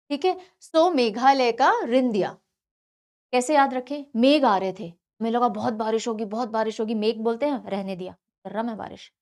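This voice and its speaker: A woman teaching an online exam-prep lecture, talking in an animated way, repeating key names and mixing English terms into her Hindi. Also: a little high. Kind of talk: online lecture for competitive exams.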